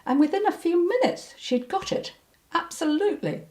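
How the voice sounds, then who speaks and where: An older woman with a soft, mellow voice recalls her past in an unhurried interview. She hesitates often, restarts her sentences and fills the gaps with ums. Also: very high-pitched, lively intonation. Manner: hesitant, many ums and restarts, breaks into laughter. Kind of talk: reflective personal recollection.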